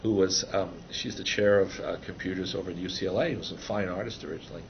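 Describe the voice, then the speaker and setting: Being interviewed about his computer animation book, an older man speaks fast in a fairly low, fairly even voice. He rambles, circling back with fillers and restarts as he explains his ideas, and the dull recording has a faint hiss.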